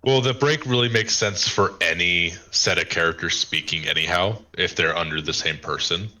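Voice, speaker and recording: A man chatting casually between roleplay scenes, his voice run through a deep pitch-shifting voice changer. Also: moderate pace, bright, forceful tone, rough recording. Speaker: tabletop roleplay player. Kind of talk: casual out-of-character chat.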